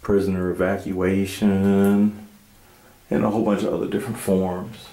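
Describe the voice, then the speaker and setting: A man's voice: sits low, flat delivery, moderate pace, dark tone, roomy sound. A man, laid-back and streetwise, swearing casually as he narrates a walk-through of an abandoned police station on a handheld camera. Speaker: urban explorer.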